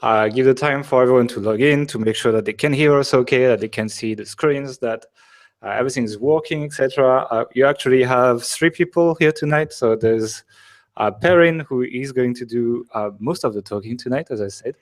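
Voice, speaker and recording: A man's voice: mid-range voice, fairly quick. A man with a French accent hosting a live webinar, chatting casually and joking, with lots of filler words. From France. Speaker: webinar host.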